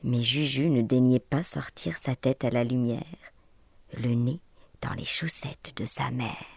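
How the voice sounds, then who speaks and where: Woman storyteller, husky and breathy, slow, whispery delivery, dry close mic. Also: very deep voice, steady tone, no room sound. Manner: soft, often whispered, playful rhythmic delivery. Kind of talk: children's story reading.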